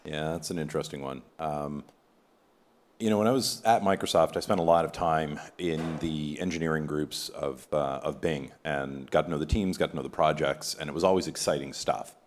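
A middle-aged man with a very low voice talks from a panel table at a conference. He keeps it relaxed and conversational, drawing the crowd in with quick questions. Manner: relaxed, conversational, polls the audience. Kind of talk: conference keynote panel talk. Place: conference hall stage, in front of an audience. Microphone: table mic on a stand.

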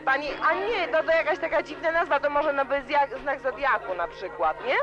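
A woman's voice: high voice, moderate pace, a crowd in the background. A woman in her twenties giving a rambling, emotional party interview, heard on old worn tape. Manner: rambling, emotional, keeps saying "you know". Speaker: student radio interviewee. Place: student club during a party. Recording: dull lo-fi old cassette tape. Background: loud music.

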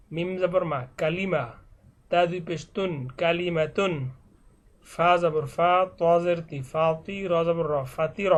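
A man teaching Quran reading online, slowly spelling out Arabic syllables one by one and patiently repeating them for practice. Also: high-pitched. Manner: slow, drilled spelling-out of syllables. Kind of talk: online recitation lesson.

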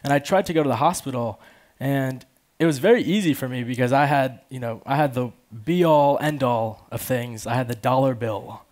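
On a large auditorium stage with an audience, a conference speaker of around twenty talks in a relaxed, conversational way, his speech casually dotted with "you know" and "like." He is an American from Chicago who was born in Afghanistan, and he uses a headset mic. His mid-range voice is a little mellow and moves at normal speed.

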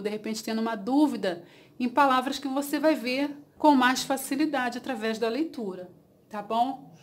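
A woman teacher with a Brazilian Portuguese accent, giving a dictation lesson and encouraging advice to her students. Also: a little high. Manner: slow, deliberate dictation with repeated words; encouraging, reassuring tone.

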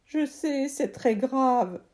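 A woman's voice: high-pitched, animated, extremely slow, a little mellow, pitched above the performer's own voice, exaggerated voice. Woman voicing an anxious earnest young boy. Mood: apologetic. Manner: pleading, earnest.

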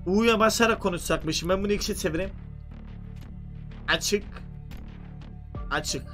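A man streaming a shooter game, chatting excitably and cursing, sometimes yelling into voice chat. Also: sits high, a little slow, soft background music. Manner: excitable, swears a lot, yells greetings into voice chat. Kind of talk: casual gaming commentary.

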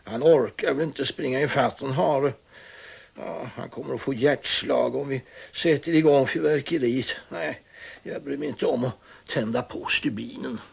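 Man as a mild old farmer, gravelly raspy voice, storybook. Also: medium pitch, heavily acted. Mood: musing. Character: kindly old farmer, gentle and musing.

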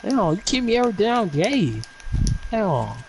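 Young male gamer, high and animated, trash-talking his opponents. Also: measured pace, background noise. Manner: taunting, repetitive, swearing. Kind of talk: trash-talking gameplay chat.

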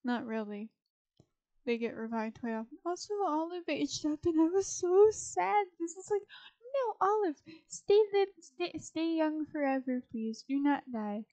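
A woman's voice: high voice, measured pace, mellow. A young woman chatting casually over a life-sim game, rambling and talking to her characters. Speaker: gaming YouTuber. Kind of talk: casual Sims gameplay commentary.

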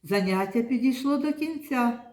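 A woman teaching young children, speaking in a slow, patient, coaxing way. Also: a little high, expressive, a little mellow, roomy sound. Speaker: primary school teacher. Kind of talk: classroom lesson for young children. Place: classroom.

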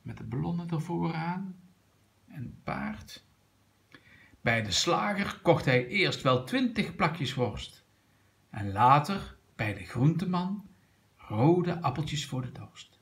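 A man reading a children's picture book aloud to a young child, gently pointing out what is in the pictures. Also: a little high, very animated, takes it slowly, vocal fry. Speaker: reader of a children's story.

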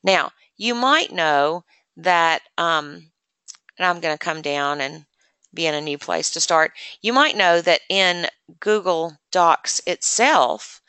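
A woman presenting a software demonstration lesson, explaining step by step in a chatty way with many fillers, close to the mic. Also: on the low side, lively intonation, takes it slowly, clean tone, no echo. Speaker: assistive technology presenter.

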